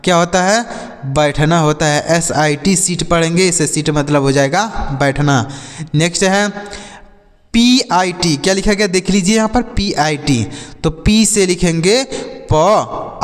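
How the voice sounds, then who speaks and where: This Hindi-language phonics lesson features a man whose voice sits on the high side, followed by a long reverb tail. He works through English phonics with patience and repetition, asking questions he answers on his own.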